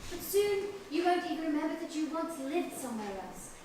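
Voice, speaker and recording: A woman's voice: very high-pitched, expressive, a little fast, background noise. An actress playing a refined, anxious upper-class mother, genteel and clipped, on stage. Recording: echoey stage from far off.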